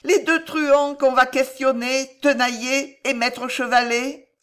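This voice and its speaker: A woman voicing a sweet, naive young street woman who speaks gently and earnestly, a little raised. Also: high voice, steady tone, slow pace, smooth, voice pushed up. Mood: gentle.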